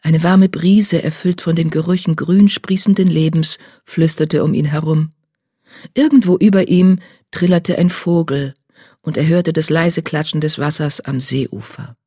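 A reader calmly narrating a children's animal novel in measured storytelling. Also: mid-range voice, husky, dry recording, clean studio sound. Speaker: audiobook narrator. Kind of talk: scripted narration.

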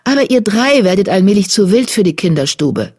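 A reader doing a gruff nursing queen cat. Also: mid-range voice, sing-song, fairly quick, a little mellow, no echo, clean studio sound. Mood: curt. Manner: curt, brusque.

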